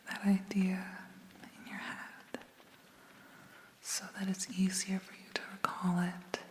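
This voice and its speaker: Female ASMR host, whispered pep talk and affirmations, breathy and gentle, unhurried delivery, very even tone. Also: lowish voice, low-quality recording. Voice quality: breathy, mostly unvoiced whisper. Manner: gentle, slow, reassuring, with long pauses.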